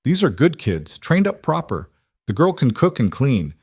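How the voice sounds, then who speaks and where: A brash, weasel-faced frontier auctioneer barks his patter across a crowd, voiced by a man. The delivery is loud and pushy, set up higher than the reader's own low voice. It is a dry, close storybook reading. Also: huge pitch swings, normal speed, husky, dry recording, exaggerated voice. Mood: hawking.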